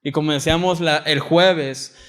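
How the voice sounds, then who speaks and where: A young adult man with a Mexican accent preaching a sermon in a church, earnest, moving from loud emphatic reading to soft quiet asides. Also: on the high side, fairly even intonation, normal speed. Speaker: pastor.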